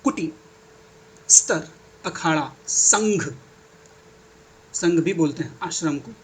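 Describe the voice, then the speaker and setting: A man's voice: fairly high pitch, expressive, takes it slowly, a little hiss or hum. A young adult male teacher giving an exam-prep lesson, reading out word lists with enthusiastic, chatty asides. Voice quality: enthusiastic, chatty asides between listed words.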